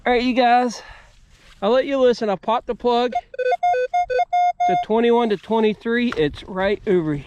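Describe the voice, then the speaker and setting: A man with a high voice and an American accent narrates casually to his viewers outdoors. His manner is folksy, and he explains each step as he goes, like a hobbyist host showing finds. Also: normal speed, pauses often, darkish tone, dull audio, faint music behind. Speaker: metal detecting video host. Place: outdoors at an old homesite.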